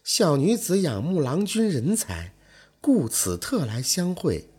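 Sly fox spirit girl, put on by a male storyteller, husky, coaxing, teasing, lively pitch. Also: slow, full character voice. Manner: coaxing, teasing, later spiteful. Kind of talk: storytelling role voice.

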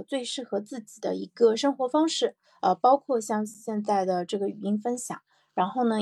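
A woman's gravelly, mellow, slightly rough medium-pitched voice carries her personal morning audio show, a casual and reflective solo podcast. She thinks out loud, repeating phrases and asking small check-in questions. It's studio quality with no room sound.

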